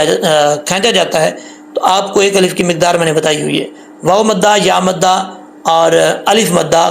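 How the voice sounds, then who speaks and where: A man teaching tajweed rules patiently, repeating points and drawing out the recited syllables slowly. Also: high-pitched, gravelly, a little hiss or hum. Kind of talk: tajweed lesson with slow recited examples.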